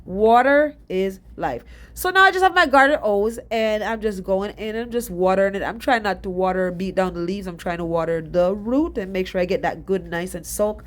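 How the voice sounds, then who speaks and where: A young Jamaican woman who makes DIY gardening vlogs gives a casual voice-over about her garden, sounding stuffy and short of breath. Her mid-range, fairly bright voice is chatty and rambling, and she talks fast.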